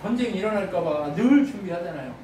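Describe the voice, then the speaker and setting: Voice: mid-range voice, expressive, brisk. Pastor preaching from across an echoey church, keeps asking the room questions, some hiss. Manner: fires rhetorical questions at the congregation; bursts into loud exhortation. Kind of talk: sermon. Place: church sanctuary. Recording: roomy distant mic.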